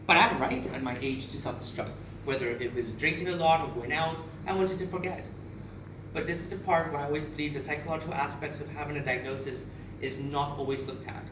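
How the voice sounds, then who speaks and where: At a charity event, a man in his thirties from Barbados gives an audience a candid, emotional personal speech, restarting often. He talks fast in a slightly high voice with a steady tone, picked up by a far camera in an echoey room with noise.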